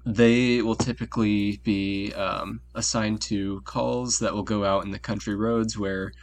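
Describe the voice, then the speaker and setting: A podcast co-host with a lowish, fairly flat voice speaks at a measured pace over a voice call. He explains things in a laid-back way, using lots of fillers throughout the casual chat.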